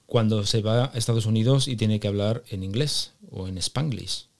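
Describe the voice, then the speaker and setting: Joking podcast host, low voice. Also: male voice, normal speed, vocal fry. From Spain. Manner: joking, chatty asides. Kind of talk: casual podcast interview.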